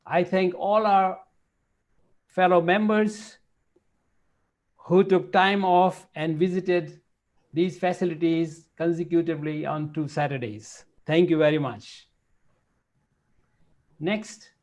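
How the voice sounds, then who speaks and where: Slow, high-voiced man making announcements. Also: darkish tone, highs cut off. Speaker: club president. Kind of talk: meeting announcements.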